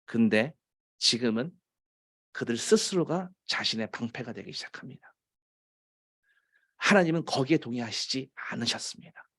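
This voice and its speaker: A Korean man preaching a sermon as pastor, rising to emphatic lines and dropping to low, quiet asides, stretching out key phrases. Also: animated, normal speed, long pauses.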